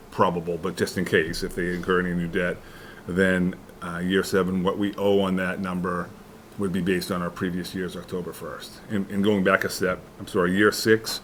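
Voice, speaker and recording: Deep flat-voiced man explaining at a meeting. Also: slight background noise. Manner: explanatory, halting with restarts. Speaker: school official presenting to select board. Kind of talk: public meeting presentation.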